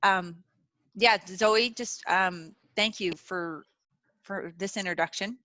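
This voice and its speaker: A woman hosts an online webinar in a relaxed, chatty way, filling her talk with "like" and "you know" as she reassures her guests. Her voice is bright and lively. The sound is dry and close, as on a video call. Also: medium pitch, takes it slowly, dry recording. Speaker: webinar host. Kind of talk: casual chat.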